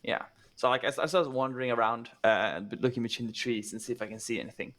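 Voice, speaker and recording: A man's voice: mid-range voice, fairly even intonation, fast talker, a bit bright. Rambling player man, full of fillers. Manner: rambling, filler-heavy talk. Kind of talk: casual tabletop role-play.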